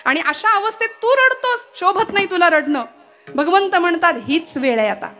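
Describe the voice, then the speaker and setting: A woman's voice: extremely high pitch, lively intonation, normal speed, pushed and bright. A woman performing a devotional kirtan sermon. She tells the story with passion and chants Sanskrit verses between her sentences. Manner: impassioned storytelling, chant-like recitation.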